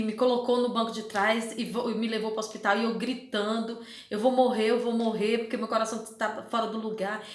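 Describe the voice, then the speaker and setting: Woman with a somewhat high voice, emotional testimony in a reverberant church hall. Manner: emotional, repeats phrases for emphasis. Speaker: church member giving testimony. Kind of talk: personal religious testimony. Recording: echoey hall.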